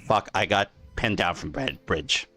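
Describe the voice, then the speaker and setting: A man streaming a shooter game, calling out positions quickly and swearing now and then. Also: sits low, over loud music. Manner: quick tactical callouts, swearing. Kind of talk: live gaming callouts.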